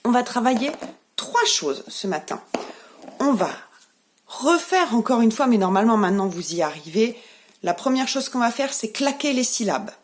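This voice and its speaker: French woman, preschool teacher, remote lesson for small kids; fairly high voice with a lively, sing-song rise and fall. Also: a little hiss or hum. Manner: slow, clearly articulated, encouraging. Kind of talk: remote lesson for young children.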